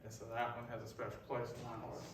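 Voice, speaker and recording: Male youth speaker, folksy and halting, telling things informally; very reverberant room, distant mic. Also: medium pitch, completely flat delivery. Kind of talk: informal youth talk, storytelling. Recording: echoey room, far mic, faint noise.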